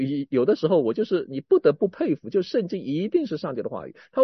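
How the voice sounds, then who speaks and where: Animated man preaching a sermon. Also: sits high, breathy edge, no room sound, muffled recording. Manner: animated, repeats and restarts words, swings from emphatic to quiet.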